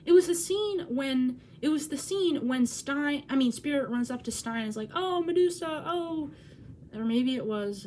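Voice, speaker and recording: A woman's voice: high-pitched, a little mellow, slight background noise. A woman in her twenties vlogging at home, talking in an awkward, rambling way, cutting herself off and swearing. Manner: awkward, self-interrupting, swears. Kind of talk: casual rambling vlog. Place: at home by a window.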